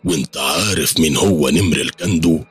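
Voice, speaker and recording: A man with an Egyptian accent voicing a sly, scheming male ally who speaks slowly and knowingly. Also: a bass voice, breathy edge, faint music behind, full character voice. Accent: Egyptian Arabic.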